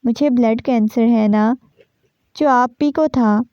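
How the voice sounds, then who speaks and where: A woman voicing an anxious, gravely ill young wife who pleads and asks worried questions in a storybook reading. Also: on the high side, dark tone, no echo, lightly acted. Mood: tearful. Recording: dull, dry lo-fi recording.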